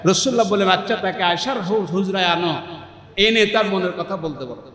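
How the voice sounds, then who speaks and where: A male preacher with a Bangladeshi Bengali accent tells a story in a chanting, sing-song sermon style, breaking into loud cries. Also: high voice, brisk. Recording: echoey hall, long reverb.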